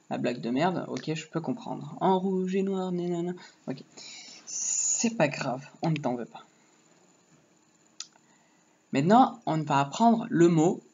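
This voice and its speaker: Slow, rambling man teaching coding. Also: a little high, creaky, a little mellow, slightly rough. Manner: rambling, joking asides, talks while typing. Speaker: HTML tutorial teacher. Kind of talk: casual screen-recorded coding lesson. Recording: dull lo-fi mic with faint noise. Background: keyboard typing.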